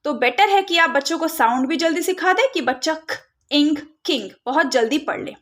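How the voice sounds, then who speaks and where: A woman giving a phonics lesson for parents, modelling letter sounds slowly and mixing in English terms. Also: high voice, animated, a bit bright. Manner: mixes Hindi with English terms. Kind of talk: instructional tutorial.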